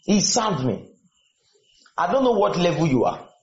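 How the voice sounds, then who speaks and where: Very animated and high-pitched, with some vocal fry and a normal speaking speed, a man preaches to students, questioning and exhorting them and repeating his points in a call-and-response sermon. Slight background noise sits under the dull, lo-fi sound of an echoey room.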